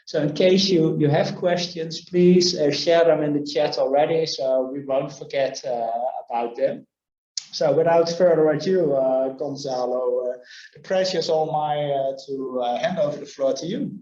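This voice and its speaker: A man's voice: fairly high pitch, moderate pace, mellow, echoey room, dull audio. A man opening a webinar as host, hesitant and full of fillers. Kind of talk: webinar introduction.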